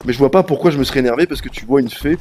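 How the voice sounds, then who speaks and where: A man's voice: mid-range voice, rapid-fire, slight background noise. A man streaming a video game live, chatting straight to his viewers with casual swearing. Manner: animated, talks straight to chat, swears casually. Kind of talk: live gameplay commentary.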